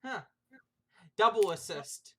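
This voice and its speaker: A tabletop game player who is excitable and sarcastic, often stumbling over words. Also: medium pitch, slow pace, breathy edge.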